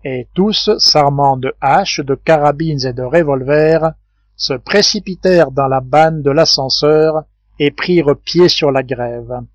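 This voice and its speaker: A man reading a classic adventure novel aloud in a measured, steady narration. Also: on the high side, dry recording, highs cut off. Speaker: audiobook reader. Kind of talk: scripted narration.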